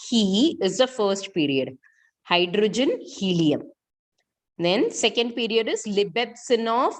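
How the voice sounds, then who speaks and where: A middle-aged woman with an Indian accent teaching chemistry in an interactive online class, asking questions and repeating key points. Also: fairly low pitch. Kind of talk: interactive online school lesson.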